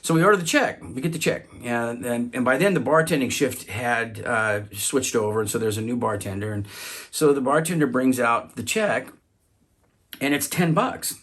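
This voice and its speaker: A man telling a personal story, halting often to repeat and restart his words. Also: mid-range voice, fairly bright tone.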